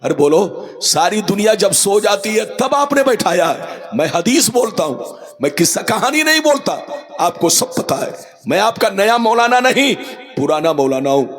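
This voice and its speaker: Male preacher with an Indian Urdu accent, high-pitched, impassioned, sing-song delivery to a night crowd. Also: very animated, soft background music. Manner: impassioned, rhythmic, repetitive, sometimes chanting. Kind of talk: fiery religious sermon at a night gathering. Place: large night gathering.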